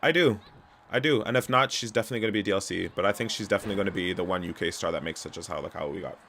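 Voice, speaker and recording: A man from Canada chatting casually and gossipily while streaming a wrestling video game at home, with sudden loud yelps. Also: deep voice, very fast, slight background noise. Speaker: gaming streamer. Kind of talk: casual commentary while playing.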